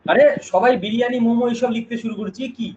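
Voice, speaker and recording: A man teaching a live online class, chatty and lively, asking students questions as he explains. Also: very high voice, fast. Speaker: online exam-prep teacher. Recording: dull lo-fi stream with noise.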